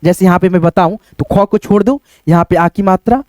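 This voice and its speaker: A man's voice: sits high, a little fast, darkish tone, no echo. A man teaching beginners at a board, patiently repeating and counting aloud.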